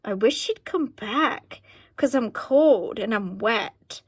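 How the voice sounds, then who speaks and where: A woman voicing a patient, faithful male elephant in a storybook, speaking gently with a grumble. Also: fairly high pitch, lively intonation, takes it slowly, slightly rough, dry recording, clean studio sound, heavily acted. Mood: glum.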